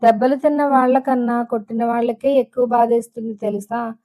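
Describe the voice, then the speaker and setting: A woman's voice: on the high side, steady tone, brisk, warm tone, natural voice. A woman reading the lines of a remorseful young husband who pleads earnestly with his wife in an audiobook. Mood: remorseful pleading.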